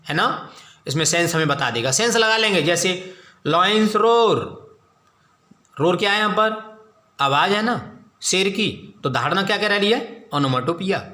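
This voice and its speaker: High, bright-voiced man teaching in an echoey room. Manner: explains in Hindi, reads English definitions slowly; asks and answers his own questions. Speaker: English teacher. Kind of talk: classroom lecture.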